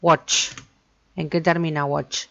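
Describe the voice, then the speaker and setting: A woman teacher walks students through grammar rules with patience, pausing often to ask if they follow. Her voice sits low with a gravelly fry, and the recording sounds a little dull and lo-fi. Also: little pitch movement, a bit bright. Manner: patient, repeats points and checks with "¿sí?". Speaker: English teacher.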